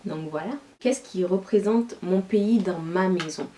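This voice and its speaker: Nigerien woman, low voice, distant mic. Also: a little slow, warm tone. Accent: light Nigerien French. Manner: chatty, with frequent filler phrases. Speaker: YouTuber. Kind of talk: casual chat answering tag questions. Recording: distant mic with faint hiss.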